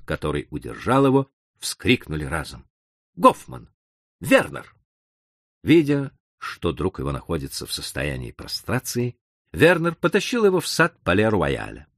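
A man's voice: low voice, wildly swooping pitch, normal speed, a bit bright, no room sound, studio quality. Theatrical male storybook narrator. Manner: theatrical, widely varied delivery. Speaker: audiobook narrator.

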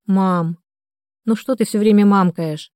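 A woman's voice: mid-range voice, unhurried, a little mellow, no echo, studio quality, lightly acted. A woman reading the part of a retired mother in her sixties, anxious and reproachful, in an audiobook. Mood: upset.

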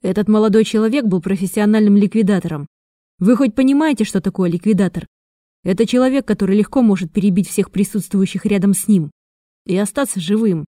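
A woman voicing a calm, self-assured male agent who explains things with conviction. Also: mid-range voice, brisk, dry recording, studio quality, natural voice. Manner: confident, explanatory.

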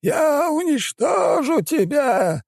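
A man voicing a fanatical old male vampire elder who shouts in a high strained voice. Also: big pitch swings, takes it slowly, creaky, no echo, clean studio sound, full character voice.

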